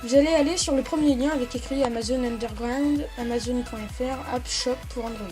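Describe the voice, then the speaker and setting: A high-pitched woman hosts a casual phone app tutorial, guiding viewers one step at a time. Her delivery is halting and full of small self-corrections. Clear background music runs beneath her voice. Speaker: tech tutorial host.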